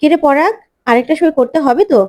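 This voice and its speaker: A woman voicing a calm, evasive young groom in a spoken story recap, reassuring and cagey in her replies. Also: high-pitched, brisk, close to an everyday voice.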